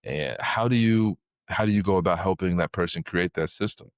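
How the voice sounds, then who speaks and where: A man hosting a podcast interview, asking questions in a halting way with many restarts and eager follow-ups. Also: low-pitched, dry recording, studio quality. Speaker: podcast host.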